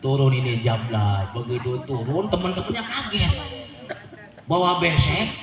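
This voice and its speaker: A man's voice: mid-range voice, measured pace. A middle-aged man, preaching a humorous sermon and quizzing his audience with jokes. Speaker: Islamic preacher. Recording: echoey hall with loud crowd.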